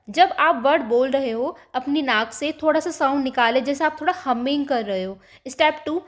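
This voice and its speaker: A woman with a high voice teaches a beginners' language class. She explains step by step and stretches out her example words so they are easy to repeat. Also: fairly bright tone. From India. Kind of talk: Hindi-language lesson.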